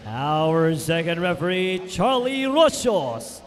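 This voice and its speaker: A man with a Filipino accent announcing a volleyball match over an arena PA system, stretching and booming his words. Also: very animated, slow. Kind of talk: arena public address announcing. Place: indoor sports arena. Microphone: PA microphone. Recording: echoey arena with long reverb.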